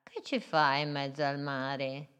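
A calm old sea turtle in a children's storybook, voiced by a woman. The voice is deeper and softer than hers, slow and kindly. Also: clear, resonant tone, heavily acted.

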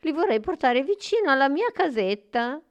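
A woman voicing a small male elf with high, theatrical exclamations in a storybook reading. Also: sing-song, moderate pace, highs cut off. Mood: cheerful. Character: small male elf, old-fashioned and grateful.

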